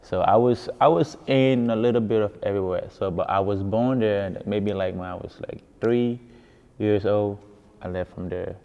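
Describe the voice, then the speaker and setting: A Ghanaian musician who grew up in West Africa tells his story in a casual interview, often repeating words for emphasis. He speaks with a Ghanaian accent at normal speed, his lowish voice gravelly and mellow. The echoey hall leaves the sound dull and muffled.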